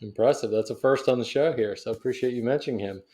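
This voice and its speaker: A man's voice: mid-range voice, fast, dark tone. A man hosting a podcast, asking his guest short, prompting questions. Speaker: podcast host. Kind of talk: interview questions.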